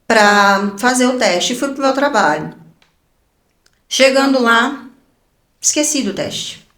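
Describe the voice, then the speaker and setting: A woman with a fairly high voice tells her personal testimony as a guest evangelist. She is expressive, laughs often and acts out her own quoted lines. The recording has a roomy echo. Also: takes it slowly. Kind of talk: animated personal testimony storytelling.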